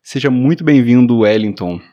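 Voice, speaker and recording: Male podcast host, mid pitch, friendly conversational interviewer. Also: expressive, moderate pace, dark tone, muffled recording. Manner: friendly, chatty questioning.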